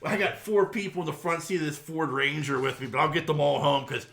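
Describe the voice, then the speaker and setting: A man's voice: fairly high pitch, fairly even intonation, a little fast, gravelly, a bit bright. A middle-aged man, co-hosting a podcast and telling a story in a casual, profane way, acting out quotes and laughing often. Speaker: podcast co-host.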